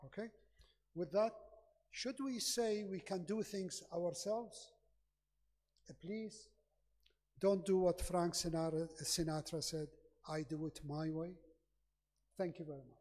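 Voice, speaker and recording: A high-voiced, rough-edged man with as his gives a podium speech in a reverberant hall. He is emphatic and persuasive, punctuating points with rhetorical questions. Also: steady tone, measured pace, long pauses, a little mellow. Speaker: conference speaker. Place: large conference hall.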